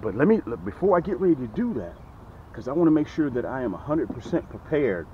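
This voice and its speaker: This is a fast-talking, middle-aged fishing vlogger at a lakeshore, selling his tackle in an energetic pitch with the camera held close to his face. He waves his hands and repeats "okay?" and "guys" constantly. The sound is phone quality with a little hiss or hum.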